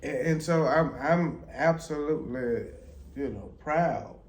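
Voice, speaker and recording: A middle-aged father who talks in a halting way, stammering and repeating words, and gently teases his daughter. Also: fairly high pitch. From United States. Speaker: guest, the host's father. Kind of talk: casual heartfelt conversation. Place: indoors at a table. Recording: echoey room with faint background noise.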